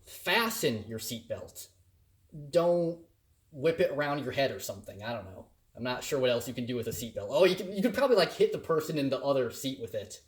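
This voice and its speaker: A man teaching a recorded critical thinking lecture, playful and animated, trying out the same sentence with shifting emphasis. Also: mid-range voice, fast. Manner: animated and playful, acting out examples in varied emphasis. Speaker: college instructor.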